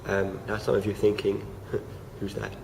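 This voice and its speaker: Here a young man vlogs to camera in an offhand way, pausing, restarting and filling gaps with ums. His voice is low and raspy with the croak of someone feeling sick, over a persistent background hiss from a home setup.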